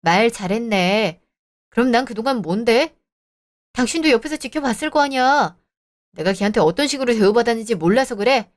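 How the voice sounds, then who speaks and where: A woman's voice: on the high side, animated, a little fast, close to an everyday voice. A woman voicing a young married woman who talks back in cold, cutting retorts, in a scripted audio drama. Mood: aggrieved. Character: young married woman, sharp-tongued, defiant. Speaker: daughter-in-law.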